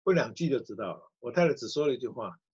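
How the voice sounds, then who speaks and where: Husky middle-aged pastor telling a story. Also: male voice, mid-range voice, fast talker, lo-fi sound. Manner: animated storyteller acting out quoted voices. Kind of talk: sermon storytelling.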